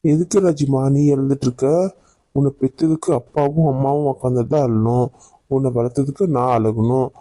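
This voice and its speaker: A man's voice: medium pitch, steady tone, a little fast, warm tone, no room sound, lightly acted. A man voicing a hot-tempered grown son and elder brother in a cartoon family drama, scolding and giving orders. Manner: scolding, commanding.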